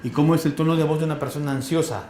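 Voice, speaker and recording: A man with a Peruvian accent giving a classroom lecture, firing quick questions at his students in a colloquial way. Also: fairly high pitch, steady tone, darkish tone, slight background noise. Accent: Peruvian Spanish. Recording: echoey classroom.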